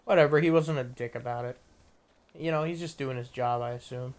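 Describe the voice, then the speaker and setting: A man's voice: medium pitch, a little fast, clear, resonant tone. A man giving casual, joking commentary while playing a video game, swearing freely. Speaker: let's play gamer.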